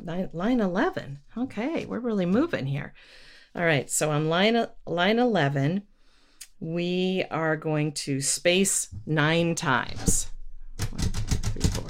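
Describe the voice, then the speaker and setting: Female instructor, low and unhurried, patient step-by-step counting, noisy recording. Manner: patient, halting step-by-step delivery with self-corrections. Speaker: instructor giving step-by-step craft directions. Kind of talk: instructional lesson, counting aloud. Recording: noisy recording with paper rustle and clicks. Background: paper rustling and clicks.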